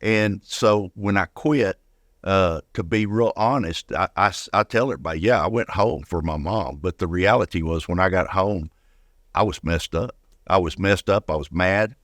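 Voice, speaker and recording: Sitting low in pitch with a fairly bright tone, an older man speaks at a moderate pace, captured in studio quality with no room sound. A retired firefighter and interview guest, he shares personal stories casually, frequently repeating words.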